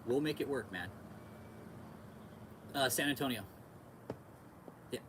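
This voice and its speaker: Speaking slowly in a medium-pitched voice over a noisy background, a Californian podcast and livestream host chats casually with his viewers. His bro-talk is laid-back and slangy, full of repeated phrases and plenty of swearing.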